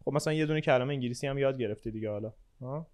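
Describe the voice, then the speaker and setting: A young man co-hosting a podcast, talking in blunt, profane, casual banter and mocking people with quick impressions. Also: mid-range voice, darkish tone. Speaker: podcast co-host.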